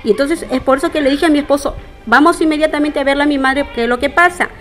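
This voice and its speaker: A woman's voice: high-pitched, fast, faint music behind. A middle-aged woman making an indignant, formal public statement, addressing her townspeople directly. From Peru. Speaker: interviewee.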